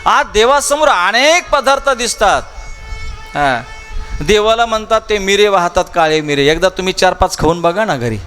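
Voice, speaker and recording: A man's voice: high voice, expressive, moderate pace, fairly bright tone, faint music behind. A man preaching a devotional katha sermon with a Marathi accent, full of rhetorical questions to the crowd and repeated phrases. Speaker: kirtan preacher telling the Shiv Mahapuran katha. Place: large public gathering at a festival.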